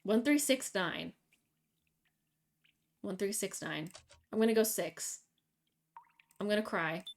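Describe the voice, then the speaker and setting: A woman's voice: medium pitch, lively intonation, slow pace, long pauses. A woman streaming a game, dithering anxiously over a choice and talking to herself. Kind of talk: game let's play commentary.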